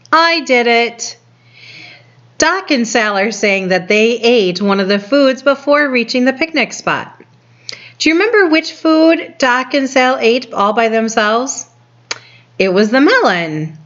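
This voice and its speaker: A woman teaches reading to small children in simple, step-by-step instructions. Her pitch moves up and down in a lively way and her pace is slow. The recording is a bit dull and lo-fi. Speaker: early-grades reading teacher. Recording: dull, lo-fi sound.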